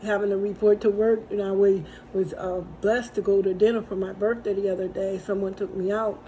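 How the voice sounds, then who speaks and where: A woman's voice: medium pitch, level tone, fairly quick, mellow, a little hiss or hum, rough recording. A middle-aged woman hosting a casual faith-based encouragement talk, speaking conversationally with repetitions and storytelling asides. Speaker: host and encourager.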